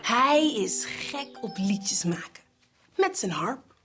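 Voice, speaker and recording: Animated woman telling a children's story. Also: a little high, slow pace, over music. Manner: animated, acts out figures and sings. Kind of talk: children's Bible story narration.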